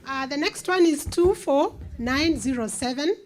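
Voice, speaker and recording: A woman's voice: high voice, expressive, unhurried, darkish tone. A woman, a co-director reading out raffle numbers at an event, casual and chatty with hesitant fillers. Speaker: co-director drawing raffle winners.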